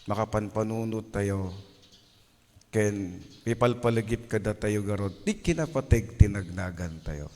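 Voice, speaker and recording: A Filipino-accented priest preaches in an unhurried, deliberate way, stopping to ask his congregation for an "Amen?" and to tell stories from his ministry. His speech moves between Ilocano and English. His voice rings out with the long reverb of a large church. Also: lowish voice, a little mellow. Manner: preaches to a congregation, often asks "Amen?" for a reply. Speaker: parish priest. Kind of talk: Mass homily.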